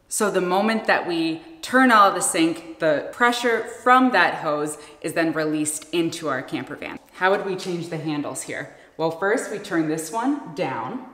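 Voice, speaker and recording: This thirties-aged vlogger explains her camper van build informally to camera while standing beside the van in an indoor garage workshop. She has a fairly low, slightly bright voice with a little background noise. Music plays in a reverberant, echoey space.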